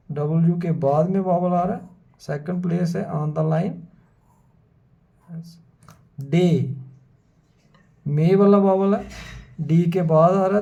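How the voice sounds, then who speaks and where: Slow gravelly shorthand teacher. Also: male voice, a little high, mellow. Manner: methodical, repeats words slowly for students. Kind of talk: whiteboard lesson explanation. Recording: dull lo-fi sound.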